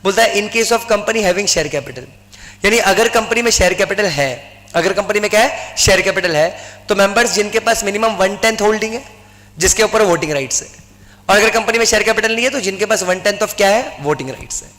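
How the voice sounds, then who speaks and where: A man's voice: high voice, fairly quick, pushed and bright. A man teaching a class, mixing English terms into his explanation and drilling students by repeating questions and answers. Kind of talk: classroom lecture. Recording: long hall reverb.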